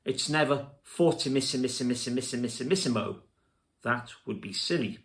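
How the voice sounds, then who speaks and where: A man teaching music theory, spelling out terms letter by letter in a slow, deliberate lesson narration. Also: medium pitch, lively intonation, fairly bright tone.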